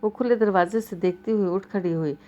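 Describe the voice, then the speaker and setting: A woman narrating a novel in a steady, even storytelling manner. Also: mid-range voice, lo-fi sound.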